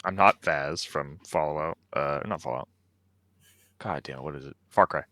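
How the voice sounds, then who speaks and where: A man's voice: very deep voice, unhurried, bright, forceful tone, dry recording. A man talking as a guest on a casual podcast, dry and brushing off teasing. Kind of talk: casual chat.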